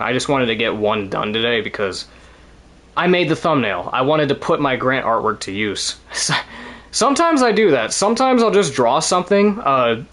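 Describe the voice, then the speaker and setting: A man of medium pitch and a somewhat bright tone streams a video game, offering casual let's-play talk that rambles, with plenty of laughter and occasional swearing.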